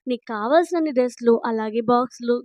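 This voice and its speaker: Woman reading as a young male CEO, pushy and smitten, quick and high. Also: dry recording, lightly acted. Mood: insistent. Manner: quoted plainly in the narrator's own voice.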